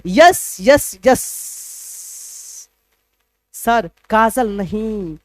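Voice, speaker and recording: A man's voice: high-pitched, expressive, extremely slow, no echo. A man teaching English in a live online class, playful and teasing, spelling words out letter by letter.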